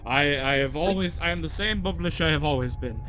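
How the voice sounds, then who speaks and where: A man's voice: fairly high pitch, brisk, sharp tone. A man doing a flustered stammering sidekick.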